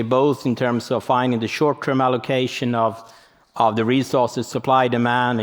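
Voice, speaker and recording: A man gives a conference presentation, explaining as he goes and thinking aloud. His voice sits at an ordinary middle pitch. The sound carries the long echo of a large hall. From Sweden. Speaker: conference speaker.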